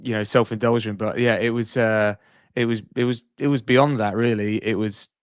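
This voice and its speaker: A man's voice: on the low side, fairly even intonation, normal speed, clear, resonant tone, no room sound. A man in his thirties, a radio sports broadcaster, chatting as a podcast guest in an enthusiastic, emphatic way. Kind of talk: casual podcast chat.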